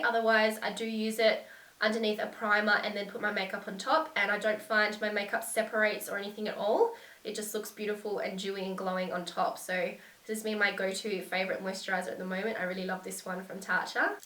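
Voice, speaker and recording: A young beauty vlogger gushes about her favourite products in a casual review to camera, her mid-range voice nasal and stuffed up from a lingering cold. She sounds bright, though she sits a little back from the mic in an echoey room, so the recording feels distant.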